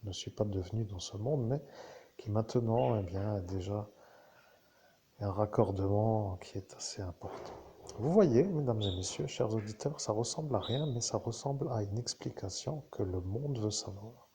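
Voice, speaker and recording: A man's voice: fairly low pitch, moderate pace, mellow, a little hiss or hum. A man giving a rambling spiritual monologue to his listeners, digressive and full of asides and self-corrections. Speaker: spiritual speaker addressing listeners.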